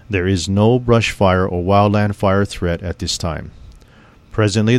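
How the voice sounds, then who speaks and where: A man reading a scripted civil defense information broadcast in a formal, measured, grave manner. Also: lowish voice, a little mellow.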